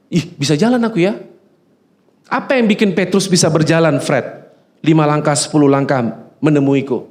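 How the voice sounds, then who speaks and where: A middle-aged male pastor preaching a lively sermon, swinging from quiet musing to loud urging and acting out chatty dialogues. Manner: animated, swings from low musing to loud exhortation; acts out dialogues with God in a chatty tone.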